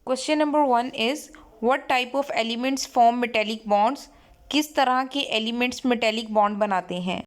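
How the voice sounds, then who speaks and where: A woman tutoring chemistry, who reads each textbook line slowly in English and then explains it in Hindi-Urdu. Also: fairly high pitch. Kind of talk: textbook lesson reading and explaining.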